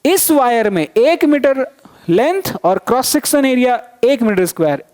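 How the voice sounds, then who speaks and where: With an extremely high, slightly mellow voice full of big pitch swings, a male teacher delivers physics at a somewhat slow pace. He repeats his points and asks the class rhetorical questions, coaxing them and making sure they follow.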